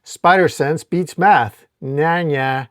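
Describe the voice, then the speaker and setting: A man voicing a wisecracking, plucky young superhero with an excitable, quippy delivery in a told story. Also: a little high, takes it slowly, no room sound, clean studio sound. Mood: cocky, quippy.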